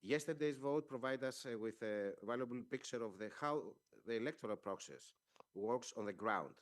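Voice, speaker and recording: A Greek man, whose first language is Greek and who speaks with a Greek accent, heads a parliamentary delegation and delivers a formal statement at a press conference. His speech is measured and often hesitant, pitched at a medium level and expressive.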